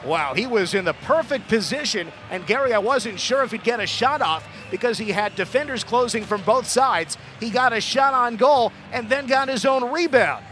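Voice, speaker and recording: High-pitched man calling live hockey play-by-play. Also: normal speed, few pauses, soft background music. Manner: excited, dramatic calls on scoring plays. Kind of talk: live sports commentary. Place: arena broadcast booth.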